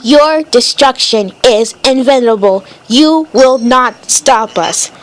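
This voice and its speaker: A woman voicing a cold, menacing male hedgehog rival in a fan dub of a video game, delivering slow, flat threats. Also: fairly high pitch, slight background noise, pitched below the performer's own voice.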